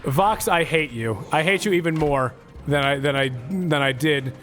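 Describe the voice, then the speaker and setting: A man's voice: a little high, normal speed, a bit bright, soft background music. A young adult man streaming a game live, rambling through sarcastic, profane jokes as he plays. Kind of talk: live gameplay commentary.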